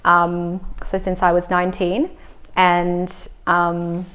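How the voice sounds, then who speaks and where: Спокойная австралийка лет тридцати с низковатым голосом. Она говорит размеренно и обстоятельно, как опытный преподаватель йоги. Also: female voice, on the low side. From Australia. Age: 30s. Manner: calm, measured, explanatory. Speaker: yoga teacher and breathwork facilitator. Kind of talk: casual interview chat.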